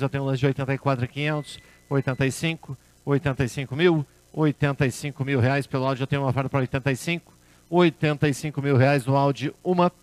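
A man's voice: medium pitch, no echo. A man working as an auctioneer, calling bids at a car auction in a repetitive chant.

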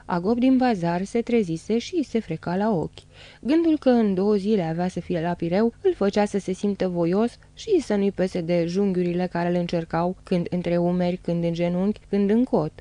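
A woman narrating an audiobook of a novel in a steady, dramatic storytelling manner. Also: on the low side, no echo. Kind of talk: audiobook reading.

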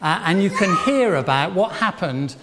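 An older church leader speaks at normal speed, his high-sitting voice full of lively intonation. During an all-age service in an echoey church hall with faint background noise, he questions the congregation and repeats their answers back approvingly.

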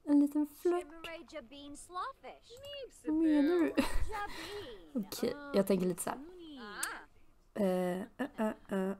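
A woman giving casual let's play commentary, chatty, with sudden excited high bursts and soft asides. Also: long pauses. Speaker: gaming video creator.

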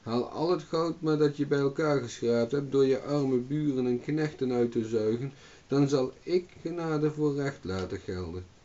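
A man's voice: medium pitch, measured pace, dark tone, lightly acted. Man doing a bold young farmhand. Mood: stern. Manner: gleeful chanting, stern commands. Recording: dull distant recording.

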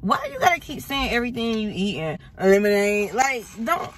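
A woman's voice: fairly high pitch, very animated, moderate pace. Exasperated middle-aged mother scolding in a car. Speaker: vlogger's mother. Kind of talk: casual family chat. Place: inside a car.

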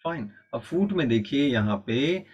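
A man's voice: medium pitch, animated, a little slow, darkish tone, husky, muffled recording. Patient man teaching in a lecture. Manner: explains patiently, repeats key points, mixes Hindi and English. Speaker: English literature teacher. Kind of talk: online exam-prep lecture.

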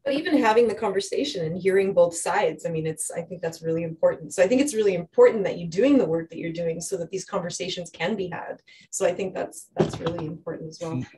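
A woman's voice: fairly low pitch, fast talker, dark tone, slight background noise. A woman co-hosting a talk on a video call, earnestly thanking the speaker. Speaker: co-host.

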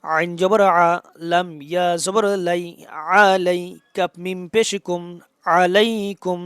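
A man teaching Quran reading, spelling out Arabic letters in Bengali and chanting the verses in a raised, drawn-out voice. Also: sits high, clear, resonant tone, dry recording. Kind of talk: tajweed lesson, spelling out letters then reciting.

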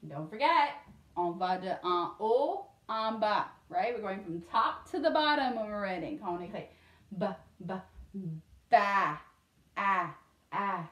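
A woman teaching young children a French lesson, sounding out letters and syllables slowly and clearly and slipping into English now and then. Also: medium pitch, very animated, a bit bright. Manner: sings a short vowel song. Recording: echoey room.

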